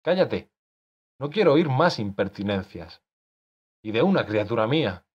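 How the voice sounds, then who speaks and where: A man's voice: medium pitch, very animated, unhurried, husky. A man voicing an exasperated scolding author in a storybook. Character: irritable older male author scolding his creation. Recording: dull lo-fi recording.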